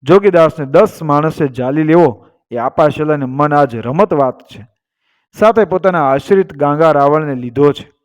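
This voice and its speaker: A man's voice: a little high, normal speed. A man telling a folk tale in a dramatic storytelling style, from Gujarat, India, who raises his voice for the characters' lines.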